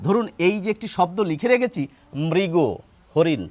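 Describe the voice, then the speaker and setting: A man giving a spoken lesson on pronunciation, spelling words out slowly step by step and asking rhetorical questions. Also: high-pitched, expressive, no echo. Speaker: Bengali pronunciation teacher.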